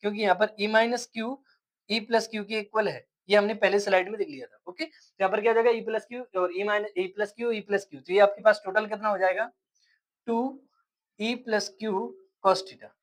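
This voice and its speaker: A man's voice: high voice, steady tone, brisk, low-quality recording. A man teaching a physics lecture step by step, asking questions and answering them himself. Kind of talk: classroom lecture.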